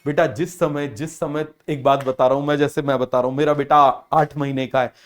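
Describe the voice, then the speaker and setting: Lively male biology teacher. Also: medium pitch, fairly quick. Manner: lively, asks the class often; acts out family scenes in other voices. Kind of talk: biology lecture with comic examples.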